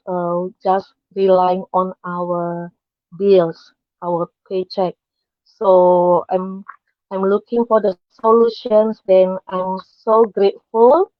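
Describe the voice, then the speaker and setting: Woman panel guest, unhurried hesitant delivery, muffled lo-fi call sound. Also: medium pitch, no room sound. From Indonesia. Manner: hesitant, many fillers, nonnative grammar. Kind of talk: casual live panel talk. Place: at her workplace.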